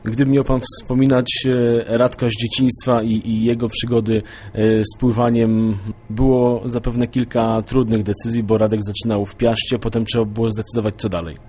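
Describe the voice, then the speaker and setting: A man's voice: mid-range voice, level tone, normal speed, warm tone. Polite male interviewer, faint noise. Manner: formal, polite questioning. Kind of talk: interview questions.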